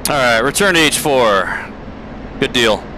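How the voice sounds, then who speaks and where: A man's voice: medium pitch, unhurried, low-quality recording. A man playing a flight simulator and giving casual commentary, thinking aloud and muttering key presses over an aircraft engine drone. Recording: steady aircraft cockpit noise behind. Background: game aircraft engine drone.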